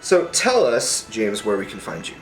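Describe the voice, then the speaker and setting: A man's voice: on the low side, sing-song, moderate pace, roomy sound, poor audio. A man hosting a podcast, talking casually and rambling a bit about theater as a hobby. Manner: loose and rambling, with fillers. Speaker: podcast host. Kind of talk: casual chat.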